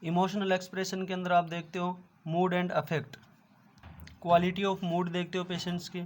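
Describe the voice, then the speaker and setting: A man's voice: high voice, completely flat delivery, unhurried. A man teaching an online class, explaining step by step and often repeating filler words. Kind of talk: online lecture.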